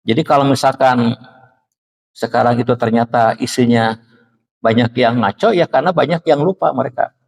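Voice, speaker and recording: A man with a Sundanese accent giving a conversational religious lecture in a mosque, often addressing the listeners directly and reciting verses slowly. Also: mid-range voice, gravelly, darkish tone, long reverb tail. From Indonesia. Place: mosque hall.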